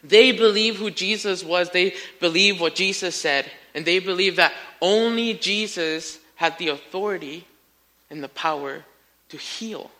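Male preacher, sermon, animated storytelling, high voice, piercingly bright tone. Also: unhurried. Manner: animated storytelling, rising to near-shouts in acted quotes; addresses listeners as friends.

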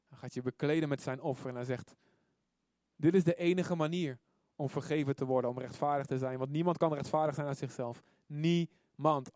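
A man's voice: medium pitch, a little mellow, no room sound. A man preaching a sermon with an urgent, fervent delivery. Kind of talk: sermon with altar call.

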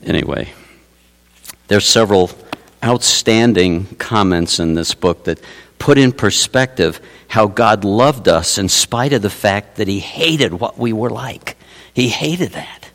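A man preaching a sermon as pastor, swinging from hushed asides to loud exclamations. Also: lowish voice, animated, measured pace. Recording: long reverb of a large hall.

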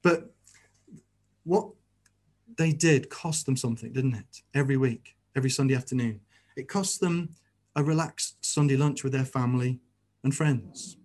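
A man's voice: medium pitch, normal speed, pauses often, darkish tone. A man preaching a sermon as a pastor, earnest and fond of rhetorical tag questions.

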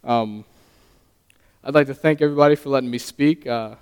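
A young man giving his first sermon as a lay preacher, earnest and halting, often stumbling and restarting his sentences. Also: medium pitch, smooth. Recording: long reverb of a hall.

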